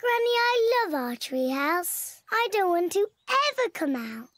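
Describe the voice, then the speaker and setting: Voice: very high-pitched, very animated, measured pace, dry recording, full character voice. A performer voicing a cheerful, bossy little girl piglet with a British accent in a preschool cartoon. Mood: happy. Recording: loud cartoon music behind.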